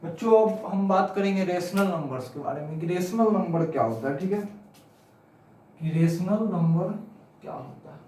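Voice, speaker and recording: A man teaching a math class, repeating each point and dictating notes slowly. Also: sits high, darkish tone. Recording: echoey room, far from the mic.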